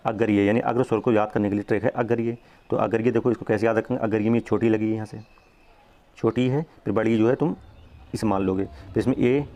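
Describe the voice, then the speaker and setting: A man's voice: lowish voice, a little mellow. A man teaching an exam-prep grammar lesson, explaining step by step, drawing out the sounds he demonstrates and checking in often.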